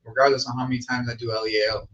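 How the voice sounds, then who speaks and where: A man's voice: medium pitch, level tone, very fast, a bit bright, far from the mic, dull audio. A man co-hosting a sports show, talking things through in casual chat. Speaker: show host.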